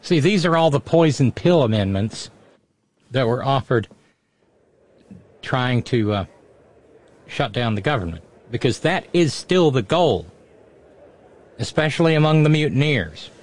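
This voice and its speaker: A man's voice: mid-range voice, expressive, unhurried, pauses often, poor audio. A man hosting casual live political commentary in a sardonic, mocking manner. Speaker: host of political commentary show.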